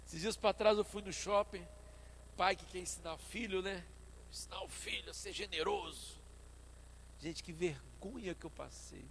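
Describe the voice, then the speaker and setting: A man with a Brazilian Portuguese accent, a pastor preaching a sermon at a church service and telling stories in an animated way. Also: sits high, moderate pace, gravelly, a little hiss or hum. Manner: animated storytelling, acting out his own past dialogue.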